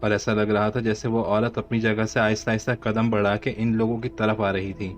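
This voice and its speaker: Low-voiced man narrating a horror story. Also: little pitch movement, brisk, faint music behind. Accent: Pakistani Urdu. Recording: dull lo-fi audio with faint hiss.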